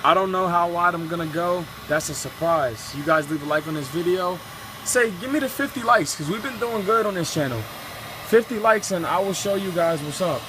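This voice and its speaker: A man's voice: high-pitched, lively intonation, brisk. A young man co-hosting a car video, joking and hyping in a playful, bantering way. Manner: playful, hyping, asks for likes. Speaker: co-host. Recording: noisy background with vehicle sounds.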